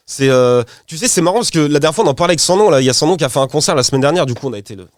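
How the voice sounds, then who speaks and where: A man with a cold, a rapper and guest, chatting casually in an interview, animated and rambling, laughing often and using lots of slang. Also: on the high side, rapid-fire, no echo, clean studio sound. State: has a cold.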